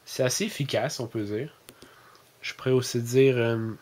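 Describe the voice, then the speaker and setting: A man with a Québécois French accent hosting a casual tech demo, talking hesitantly with many fillers and speaking louder and slower when he gives his phone voice commands. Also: medium pitch. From Quebec, Canada. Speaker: tech video host.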